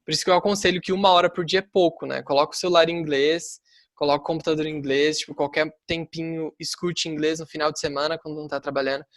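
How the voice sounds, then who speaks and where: A man with a Brazilian Portuguese accent, a language teacher giving his view in a casual debate, talking quickly with lots of fillers. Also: on the high side, fairly even intonation, dry recording. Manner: quick and chatty, many fillers like "tipo" and "né".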